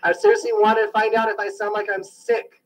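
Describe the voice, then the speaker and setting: High-voiced boastful young rapper, joking. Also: male voice, little pitch movement, brisk, far from the mic, a little hiss or hum, poor audio. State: getting over a sickness. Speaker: amateur rapper presenting his mixtape. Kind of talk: casual mixtape commentary.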